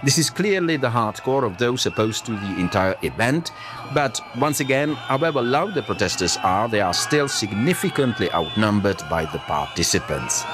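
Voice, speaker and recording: A man as reporter, giving scripted news narration in a measured tone. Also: lowish voice, big pitch swings, noisy background.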